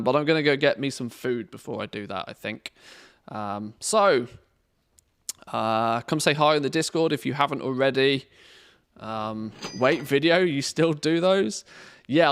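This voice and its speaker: A man chatting casually to viewers on a game livestream, rambling informally, with a gravelly voice. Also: mid-range voice, no echo. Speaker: game streamer and video maker. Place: indoor studio room padded with cushions against echo.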